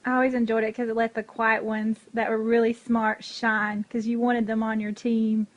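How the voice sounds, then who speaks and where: A woman's voice: fairly high pitch, flat delivery, moderate pace. A woman in her forties, chatting casually as an interviewer. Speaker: interviewer, former student. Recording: slightly dull, lo-fi sound.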